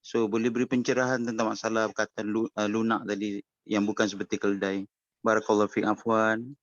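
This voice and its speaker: A man with a Malaysian accent and a fairly low voice asks a question in a study class. He is polite and a little hesitant, searching for words. He comes through a dull, lo-fi online call that sounds dry. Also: little pitch movement, brisk, dry recording. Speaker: participant asking a question.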